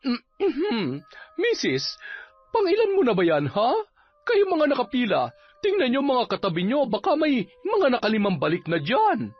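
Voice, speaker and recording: A man's voice: very high voice, huge pitch swings, unhurried, pitched above the performer's own voice, full character voice. A man voicing a scheming, two-faced middle-aged woman village captain who is sugary in public and sneering in private, in a horror radio drama. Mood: bossy. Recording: slightly dull recording with music underneath.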